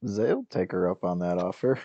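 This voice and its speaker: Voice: sits low, expressive, moderate pace, warm tone, dry recording, highs cut off. A player chatting casually during a tabletop game, in short remarks. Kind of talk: casual chat.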